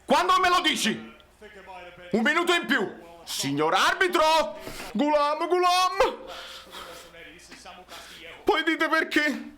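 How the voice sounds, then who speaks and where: A man with a Neapolitan accent giving excitable live fan commentary on a match, often shouting and repeating himself. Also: very high-pitched, slow pace, long pauses. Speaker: fan channel host.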